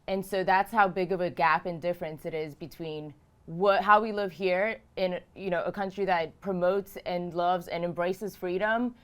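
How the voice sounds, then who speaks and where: A woman's voice: fairly low pitch, clear, resonant tone. A woman in her thirties from Romania, answering interview questions as a political candidate, earnest and emphatic, repeating phrases for emphasis. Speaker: House candidate.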